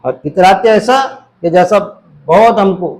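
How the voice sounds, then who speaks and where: A middle-aged Islamic preacher delivers an informal religious talk in a high-pitched, slightly mellow voice at a measured pace. He stays conversational, asks plenty of rhetorical questions, and imitates voices in his anecdotes, all on a rough recording.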